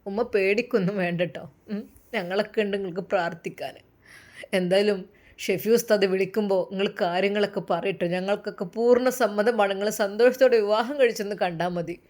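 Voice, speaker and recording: A woman voicing a soft-spoken young male cleric. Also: medium pitch, fairly even intonation, fairly quick, lightly acted. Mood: pleading. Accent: Malabar Malayalam. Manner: soft, pleading, quiet.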